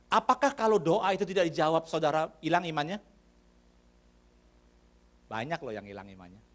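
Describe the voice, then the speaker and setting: A pastor with a slightly high, lively voice preaches a sermon at a moderate pace in church. He speaks conversationally, often addressing the congregation directly and posing questions to them.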